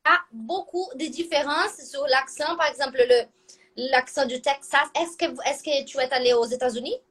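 A woman from Brazil with a Brazilian Portuguese accent, chatting and asking questions in a lively, laughing way, switching languages as she goes. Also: sits high, normal speed. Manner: animated, laughs often, switches between languages mid-sentence. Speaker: conversation partner asking questions. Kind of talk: casual multilingual chat.

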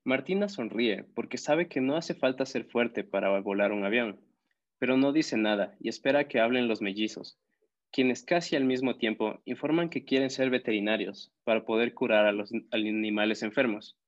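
A man narrating a children's audiobook in a steady reading voice. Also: mid-range voice, moderate pace, highs cut off. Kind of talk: scripted storybook narration.

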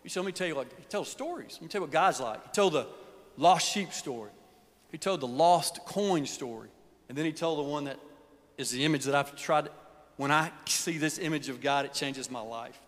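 A man preaching in a folksy, earnest way, his fairly high voice carrying a long reverb through a large church hall. He often sinks to a near whisper. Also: fairly quick. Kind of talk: sermon.

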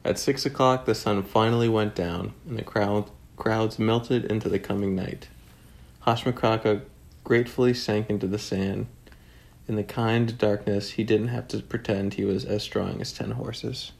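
A middle-aged man with a low, gravelly voice reads a children's storybook aloud at home. His delivery is steady and unhurried. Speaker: storybook reader. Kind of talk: reading a children's picture book aloud at home.

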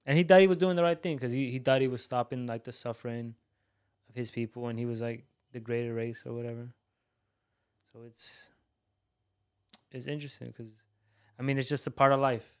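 A man's voice: mid-range voice, steady tone, a little fast, pauses often, clear, resonant tone. A young man co-hosting a podcast, chatting in a laid-back way and asking the guest questions. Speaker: podcast co-host. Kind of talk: casual podcast chat.

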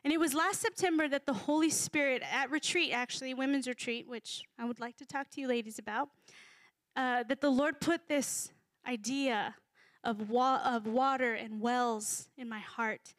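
A woman's voice: high voice, steady tone, moderate pace, dry recording, clean studio sound. A woman in her thirties giving a casual, humorous sermon to a congregation, chatty and full of fillers. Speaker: speaker at a church gathering.

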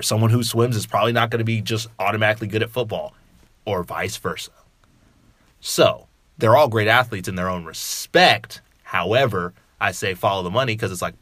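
A man co-hosting a sports podcast in casual chat, animated and rambling, often breaking off mid-sentence to joke. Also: fairly low pitch, dry recording. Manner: animated, rambling, self-interrupting, jokey. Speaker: podcast co-host.

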